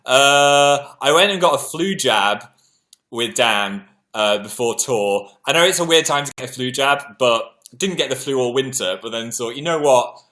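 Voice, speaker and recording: With lively intonation and a bright, forceful mid-range voice at a moderate pace, a British man runs a livestream. He chats loosely and tells his audience self-deprecating stories.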